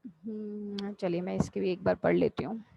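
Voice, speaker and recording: A woman's voice: mid-range voice, steady tone, moderate pace, vocal fry, heavy background noise. A woman lecturer teaching an online class, patiently repeating each point in simple terms and addressing students fondly. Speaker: college lecturer. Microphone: computer mic on video call. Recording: dull lo-fi online call audio.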